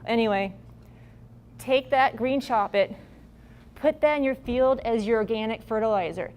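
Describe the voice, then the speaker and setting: A woman's voice: a little high, moderate pace, a little mellow. A woman presenting farming advice at a workshop in a casual, blunt, folksy way. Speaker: agricultural presenter.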